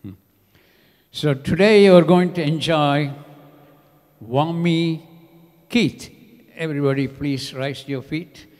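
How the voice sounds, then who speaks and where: A man's voice: fairly high pitch, slow pace, pauses often. An older man, a senior pastor, chatting and joking as he introduces the next preacher on a church stage, holding a handheld mic. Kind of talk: church announcement. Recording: reverberant church hall with soft music.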